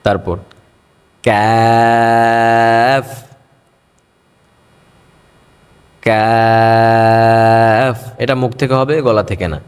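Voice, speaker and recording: Patient man teaching letters, echoing hall. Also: on the low side. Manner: patient, repeats each letter slowly and drawn out, half-sung. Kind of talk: pronunciation lesson on Arabic letters.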